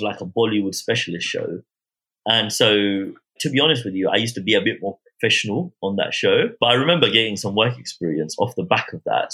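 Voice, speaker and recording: Bright-voiced south London man, slangy storyteller. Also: lowish voice, rough recording. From Croydon, south London, England. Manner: animated slangy storytelling with tag questions like innit and yeah. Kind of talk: casual anecdotal chat.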